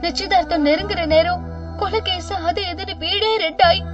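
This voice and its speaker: A woman's voice: extremely high pitch, fairly even intonation, moderate pace, music in the background. A dutiful, pleading woman in her thirties. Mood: pained. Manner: pleading, respectful, repeatedly says "sir". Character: unmarried woman, earnest, dutiful to her family. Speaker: lead character in a TV serial. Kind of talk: television serial acting. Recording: distant dull TV audio with background score.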